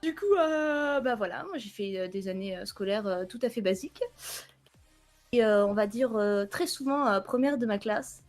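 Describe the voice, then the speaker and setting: A young woman from southern France, near Aix-en-Provence, is a guest on an esports show as a team member and chats casually about her path. Her voice is mid-range at a normal speed, and she's playful and self-mocking, laughing often.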